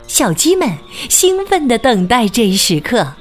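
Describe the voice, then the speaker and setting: A woman narrates a children's storybook in a gentle, expressive way, with a voice that sits a little high. Her pitch moves in wide, lively curves, and she takes the story very slowly over soft background music.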